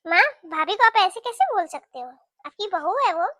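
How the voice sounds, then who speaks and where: A woman's voice: very high-pitched, animated, normal speed, bright, forceful tone, dry recording, clean studio sound, heavily acted. A woman voicing a caring young married daughter in a cartoon, talking in an earnest, pleading way. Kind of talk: cartoon voice acting.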